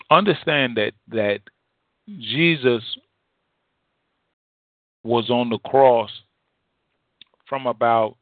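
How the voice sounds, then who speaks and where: A man preaching a Bible teaching sermon as an apostle, exhorting listeners directly in deliberate, halting phrases with emphatic repetition. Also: lowish voice, no echo. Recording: thin phone-like band-limited audio.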